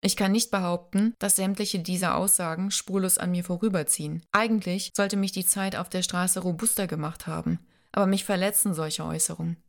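Woman reading a troubled man, voice lowered. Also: fairly even intonation, fairly quick, vocal fry, few pauses. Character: man, formerly homeless, sensitive and unsettled. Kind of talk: audiobook dialogue reading.

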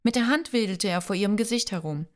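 A woman narrating a romance novel in a calm, even storytelling manner. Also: medium pitch, fast. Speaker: audiobook narrator. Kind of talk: scripted narration.

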